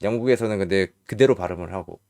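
A man teaching English spelling in Korean, slowly spelling out letters and repeating each sound patiently. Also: low voice, darkish tone, no echo, studio quality. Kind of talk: casual spelling lesson.

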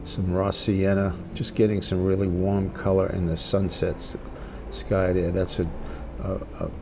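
Gentle, low-voiced older man teaching painting. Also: little pitch movement, noisy background. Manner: gentle, encouraging, unhurried instruction. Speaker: watercolor painting instructor. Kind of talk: casual spoken painting tutorial.

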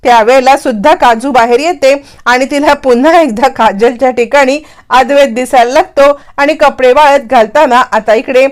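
High-voiced woman retelling a serial. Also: moderate pace. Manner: lively storytelling, acting out characters' lines in quotes. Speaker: serial recap narrator. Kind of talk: casual retelling of a TV serial episode.

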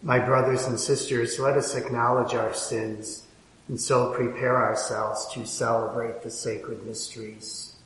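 A man leading Mass as a priest, intoning the liturgical prayers in a slow, measured way, heard with a cathedral echo. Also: medium pitch, flat delivery, fairly bright tone. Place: large cathedral, indoors. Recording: echoey cathedral from far off.

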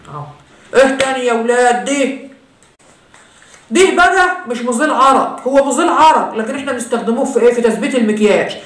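A woman's voice: fairly high pitch, far from the mic, natural voice. A woman with an Egyptian accent playing a vain teenage girl who gives a mock makeup tutorial in a chatty, teasing way. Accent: Egyptian Arabic. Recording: roomy echo, voice from off-mic.

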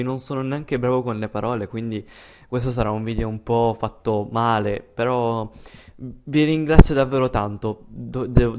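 A man's voice: medium pitch, a little mellow, smooth. A young man from Italy giving a casual, unscripted YouTuber update, rambling and hesitant with self-deprecating remarks.

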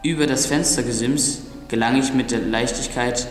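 A brooding, tormented teenage boy, voiced by a young man in an amateur film drama, speaking his inner thoughts in a measured way. His voice is mid-pitched. The sound carries a long, echoey hall reverb, with faint music underneath. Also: steady tone, natural voice. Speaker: amateur actor.

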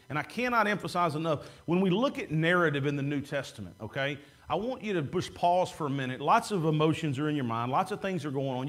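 A man preaching a sermon from the pulpit in a church sanctuary, talking in a conversational way and drawing words out for emphasis, picked up by a camera at the back of the room. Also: on the high side. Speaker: pastor. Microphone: far camera at back of room.

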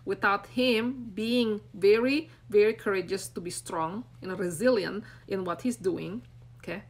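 A woman in her forties from Indonesia speaks a little slowly at medium pitch, with an Indonesian accent. Hosting a live stream as a brand coach, she talks off the cuff to viewers from a small room with her phone camera at arm's length, rambling earnestly and encouragingly with frequent fillers.

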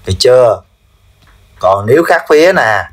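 A male chemistry teacher, drilling his class with repeated quick questions. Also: medium pitch, animated, slight background noise. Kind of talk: classroom lesson.

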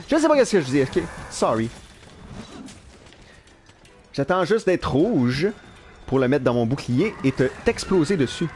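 A young man with a Quebec French accent giving live gameplay commentary in an animated, self-mocking way, swearing casually. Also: medium pitch, slight background noise. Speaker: live streamer. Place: at work.

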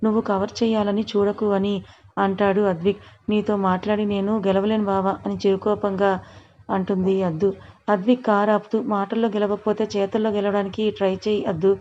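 A woman reads a serialized romance story aloud, calm and steady. Her pitch stays flat and narrow. The recording sounds a little dull and lo-fi. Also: fairly quick, slight background noise.

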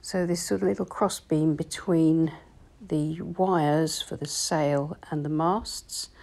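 A woman, calmly explaining each step of a watercolour painting tutorial in voice-over. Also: low-pitched. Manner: calm, explanatory, gently instructive. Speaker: watercolour teacher.

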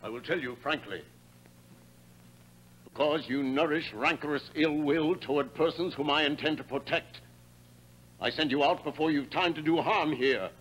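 An actor playing a stern, powerful king who speaks in a measured, commanding way in 1950s stage tragedy style. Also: a little high, a bit bright, slightly rough, rough recording.

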